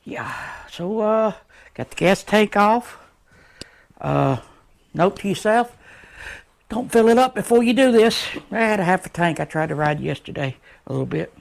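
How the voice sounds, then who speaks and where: In a shed workshop, an American motorcycle DIYer films himself on an action camera, chatting unscripted and folksy and muttering as he goes. He sounds animated, high-pitched and gravelly at a moderate pace, and the audio is noisy with clicks.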